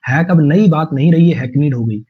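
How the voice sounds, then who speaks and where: Husky-voiced vocabulary teacher. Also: male voice, on the high side, dull audio. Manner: repeats words and phrases many times, laughs at his own jokes; drawls his English example sentences slowly. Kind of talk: online vocabulary lesson. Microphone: online class stream.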